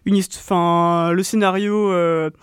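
Une jeune femme, co-animatrice d'une émission de radio, qui explique un sujet en hésitant souvent. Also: female voice, on the low side, steady tone, takes it slowly, smooth, no room sound, studio quality. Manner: hesitant, many fillers. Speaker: co-host. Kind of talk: radio show presentation.

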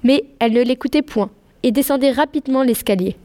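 A woman reading a classic story aloud in a flowing, expressive scripted narration. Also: high voice, fairly quick.

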